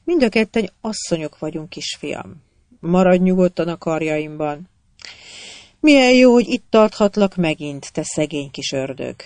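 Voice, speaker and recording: A reader voicing a grieving queen who speaks softly and sometimes murmurs, in an audiobook. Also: medium pitch, no room sound, close to an everyday voice. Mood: tender. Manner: soft-spoken, murmuring at times. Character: proud grieving queen, gentle yet imperious. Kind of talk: audiobook character voice.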